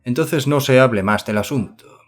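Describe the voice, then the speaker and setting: A man voicing a self-important middle-aged gentleman who speaks formally and condescendingly in an audiobook. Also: medium pitch, normal speed, faint music behind, pitched above the performer's own voice, lightly acted.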